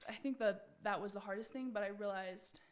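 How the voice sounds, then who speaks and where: A young American woman, a pageant titleholder, gives conversational answers in an interview, earnest and reflective. Her voice is mid-range and her pace brisk.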